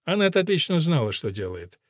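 A man narrates an audiobook in a measured storytelling manner. His voice sits a little high for a man, and the recording is close and dry with no room sound. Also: sing-song, dry recording. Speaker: audiobook reader. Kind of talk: scripted narration.

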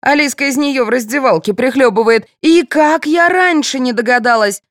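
Woman voicing an excitable, gloating mother. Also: high voice, normal speed, no echo, studio quality, pitched above the performer's own voice, lightly acted. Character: gossiping, excitable pageant mother.

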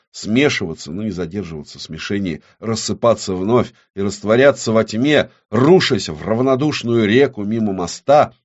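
Low-voiced male audiobook narrator. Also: darkish tone, dull audio.

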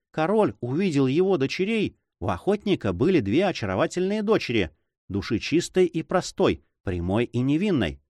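A man reading a calm, cool priest. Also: on the high side, no room sound, studio quality. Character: calm, measured male priest, cool and composed. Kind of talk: audiobook character reading.

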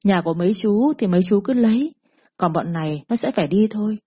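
Woman reading a groveling, stammering aunt, husky, lo-fi storybook read. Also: medium pitch, animated, fast. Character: cowed, stammering middle-aged aunt. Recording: dull lo-fi recording.

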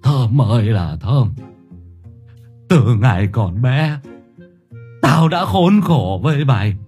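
A man's voice: mid-range voice, animated, slow pace, a little mellow, slightly rough, soft background music, exaggerated voice. A man voicing an old village uncle who wails in self-pity and curses, in an audio storybook. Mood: wailing. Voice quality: quavering, wailing, theatrical self-pity.

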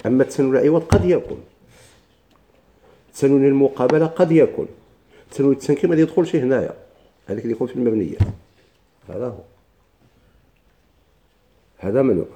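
A man's voice: mid-range voice, lively intonation, quick pace, pauses often, dark tone. A man with a Moroccan Arabic accent teaching a classroom grammar lesson, explaining step by step and asking his own questions.

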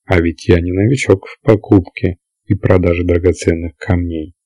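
Old hand space trader guy, a man reading him, low dark voice, measured. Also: fairly even intonation, no room sound, dull audio. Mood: puzzled. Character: shrewd seasoned male spaceship trader. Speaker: character in an audiobook. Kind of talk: audiobook character reading.

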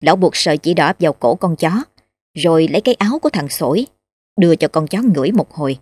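A woman narrating a ghost story in a steady, measured way. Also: deep voice, dry recording.

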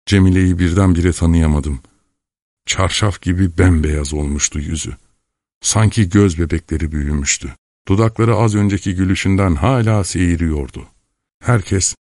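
Low-voiced guy reading an audiobook, steady and measured, dry close sound. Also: no echo. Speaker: audiobook narrator. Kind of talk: scripted narration.

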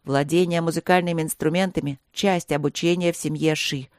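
A woman's voice: sits low, steady tone, fairly quick, darkish tone, dry recording, clean studio sound, close to an everyday voice. A woman voicing a grumpy, reserved young male heir in an audiobook, curt and muttering. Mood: grumbling. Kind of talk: audiobook character voice.

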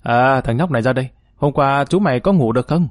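A man's voice: mid-range voice, fast, no room sound, lightly acted. A man voicing a confident, protective leader who speaks in an easy-going, assured way, recorded dry. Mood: jovial.

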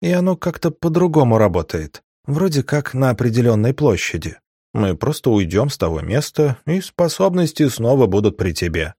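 A man voicing a sharp-tongued young female thief in an audiobook, lifting his voice higher and speaking in a brisk, sardonic way. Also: big pitch swings, slightly rough, no room sound, clean studio sound. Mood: explaining. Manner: raised lighter pitch, brisk and sardonic.

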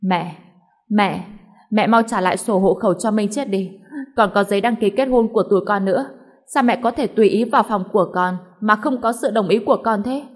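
A woman's voice: mid-range voice, fairly quick, close to an everyday voice. A woman voicing an earnest young wife who pleads with her mother. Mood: pleading.

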